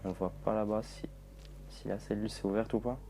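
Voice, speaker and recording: A young man talks through a horror game, jumpy and quick to swear. His voice is low and mellow. Faint noise sits under the commentary. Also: steady tone. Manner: jumpy, swearing, talking to viewers. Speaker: gamer. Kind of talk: let's play commentary.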